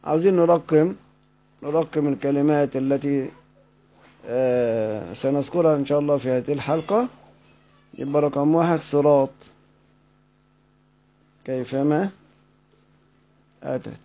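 With a warm, slightly high voice, an Egyptian-accented teacher talks at normal speed with long pauses. His recorded lecture explains a text; he asks his students questions, then answers them himself and repeats the key points. The sound is dull lo-fi.

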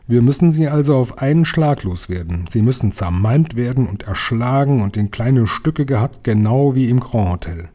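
A man voicing a spirited, excitable old grandmother who speaks with emphatic exclamations. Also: medium pitch, moderate pace, few pauses, close to an everyday voice. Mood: dismayed.

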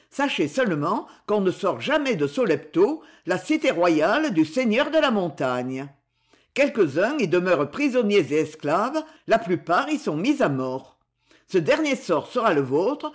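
A woman's voice: mid-range voice, lightly acted. A menacing bandit chief voiced by a woman reader speaks with cold irony. His voice moves up and down with mocking emphasis as he talks to his prisoners in this storybook reading. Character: ironic, menacing male bandit leader.

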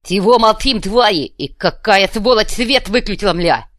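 A woman's voice: deep voice, expressive, moderate pace, big-room sound. A woman voicing a brutal male goblin warlord who barks and curses at his underlings, in an audiobook reading. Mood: angry barking. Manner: shouting, cursing, barking questions. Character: brutal self-styled male goblin führer, loud and crude.

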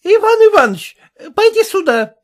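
A woman's voice: high voice, very animated, unhurried, a little mellow, pitched above the performer's own voice. A woman reading a storybook, voicing a grasping middle-aged woman who haggles shrilly and insistently. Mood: haggling, insistent.

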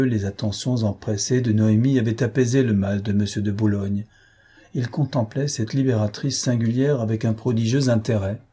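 A male audiobook narrator reads in a measured, dramatic style. His voice sits on the low side, dark and mellow. It has a strongly husky, raspy texture. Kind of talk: scripted narration.

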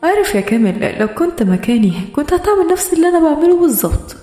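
A woman voicing a calm, sadistic male police interrogator who sounds mockingly friendly, in an audiobook. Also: high voice, racing, reverberant, soft background music, pitched above the performer's own voice. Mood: mock friendly.

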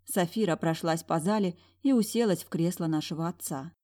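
A woman narrates a fantasy audiobook in the first person. Her reading is measured and expressive. Her voice sits fairly low. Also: no room sound, clean studio sound.

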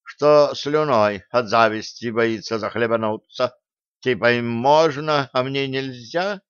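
A man's voice: mid-range voice, takes it slowly, clean tone, dry recording, muffled recording, lightly acted. A man voicing a cheeky female gnome hologram, the ship's program, talking in a gleeful, gossipy way.

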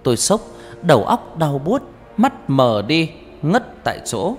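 Backed by music and reverb, a slightly high-voiced man reads a horror story aloud at a measured pace. His delivery is dramatic and expressive, like an audiobook.

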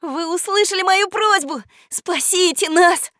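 A woman voicing an eager young boy who calls out excitedly and pleads for help. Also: very high-pitched, unhurried, no echo, clean studio sound, pitched above the performer's own voice. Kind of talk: audiobook character voice.

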